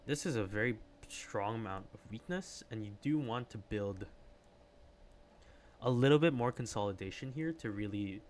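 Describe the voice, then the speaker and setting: A man's voice: lowish voice, slight background noise. Chatty man analyzing charts on a stream. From Philippines. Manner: chatty, reacts to chat with excited bursts. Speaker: livestream trading host. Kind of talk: casual live chart analysis.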